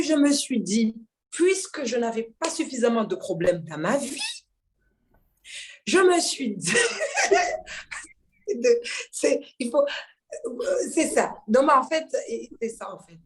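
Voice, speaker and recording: A woman's voice: on the high side, a little slow, a little hiss or hum. A woman from Mayotte, a singer, telling her story in a casual interview, acting out dialogue and laughing often. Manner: lively, laughing, acts out dialogue. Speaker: guest singer.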